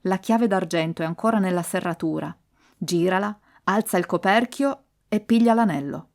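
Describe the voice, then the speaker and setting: Una lettrice che impersona una ladra astuta e autoritaria, decisa e gelida. Parla in modo perentorio, come in un audiolibro dell'orrore. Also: female voice, on the low side, normal speed, darkish tone, natural voice. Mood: commanding. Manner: commanding. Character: greedy scheming woman, cold and commanding.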